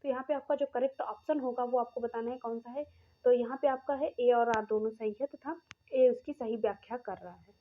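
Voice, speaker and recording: A woman's voice: a little high, steady tone, fairly quick. A woman teaching an exam-prep lesson, reading out questions and explaining each answer step by step to her students. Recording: tinny phone-like sound.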